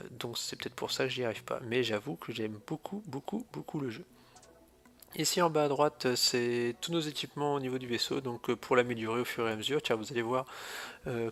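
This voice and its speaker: A man's voice: medium pitch, a bit bright. Man with a head cold, hesitant. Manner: hesitant, fills pauses with "euh". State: stuffy nose from a cold. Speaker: gaming video host. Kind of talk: casual mobile game walkthrough. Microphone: phone or tablet screen recording.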